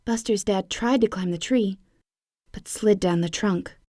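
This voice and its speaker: Storybook narrator: woman, mid pitch, clear and even, dry close sound. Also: measured pace, no echo. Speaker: storybook reader. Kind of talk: reading a children's story aloud.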